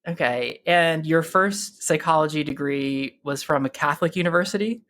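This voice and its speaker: A man hosting a podcast in a relaxed, conversational interview, upbeat and playful, laughing often and using many fillers. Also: a little high, normal speed. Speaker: podcast host.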